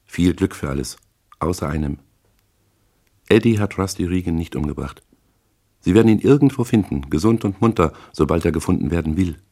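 A low-voiced man doing a frightened gangster's wife in an audiobook, her voice rough and hushed, dropping toward a whisper. She pleads urgently and tensely, with a dark, deep undertone beneath the softness. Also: expressive, brisk. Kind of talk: audiobook character voice.

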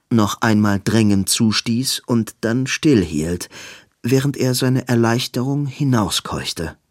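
A man reading a novel aloud as an audiobook narrator, in a slow, even reading. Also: on the low side, dry recording, clean studio sound. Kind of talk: scripted narration.

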